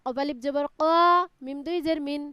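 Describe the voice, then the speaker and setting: High-voiced woman chanting Arabic syllables. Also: moderate pace, no echo, highs cut off. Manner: drills Arabic letters syllable by syllable in a steady chant; explains recitation rules in a plainer, lower voice. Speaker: Quran reading teacher. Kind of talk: live online Quran lesson. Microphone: online class call.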